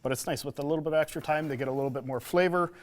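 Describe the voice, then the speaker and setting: A man from a butcher shop, demonstrating a recipe on a TV cooking segment and giving relaxed, plain tips. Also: a little high, racing.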